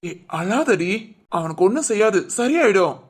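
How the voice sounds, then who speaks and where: A woman's voice: mid-range voice, sing-song, moderate pace, slightly rough. A woman voicing a loyal young male friend in a Tamil cartoon drama, soothing and reassuring.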